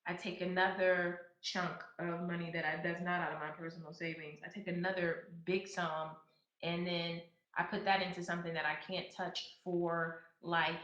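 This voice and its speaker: A woman in her thirties talks through money tips in a loose, chatty way, full of little restarts, and leans in hard when she makes a point. Her lowish voice has a bright, forceful edge. The room echoes and the sound is a bit dull. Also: flat delivery, normal speed. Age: 30s. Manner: chatty, with many fillers and restarts, turning emphatic when giving advice. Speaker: podcast host. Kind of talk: casual advice monologue.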